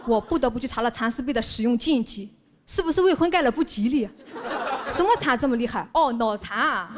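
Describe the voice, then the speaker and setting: Wry woman doing stand-up, slightly high. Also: lively intonation, brisk, very noisy. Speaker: stand-up comedian. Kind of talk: stand-up comedy set. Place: stage before a live audience.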